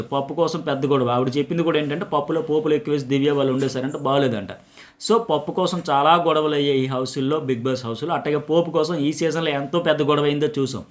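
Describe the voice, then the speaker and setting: Fast-talking man commentator. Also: a little high. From Telugu-speaking India. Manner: rapid, emphatic, acts out quotes from the show. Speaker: journalist commentator. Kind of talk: fast reality-show commentary.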